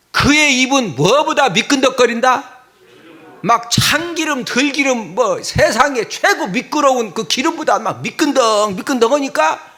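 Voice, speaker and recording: Male pastor, sermon, high voice, swooping lively pitch, comic. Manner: animated, comic, calls out to the congregation.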